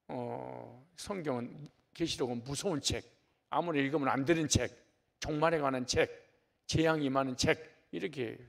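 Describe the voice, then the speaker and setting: A man's voice: mid-range voice, creaky. A middle-aged male pastor giving a conversational sermon, with joking asides to his congregation.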